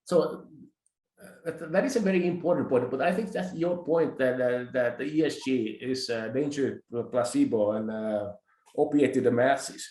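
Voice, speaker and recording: Man, measured and polite, roomy echoing audio. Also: medium pitch, darkish tone. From Finland. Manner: measured, pushes back politely. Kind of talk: conversational discussion.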